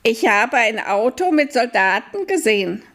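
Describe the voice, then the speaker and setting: Woman doing a high hooting owl. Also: very animated, moderate pace, a bit bright. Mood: commanding.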